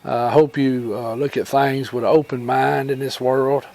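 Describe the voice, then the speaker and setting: A man with a rural Alabama accent tells personal stories in an informal fireside storytelling style, folksy and rambling, pausing often and recounting who said what. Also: mid-range voice, level tone, gravelly, a little mellow. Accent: Southern US, rural Alabama. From Alabama, United States. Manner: folksy, rambling, with pauses and reported dialogue. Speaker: storyteller and homesteading channel host.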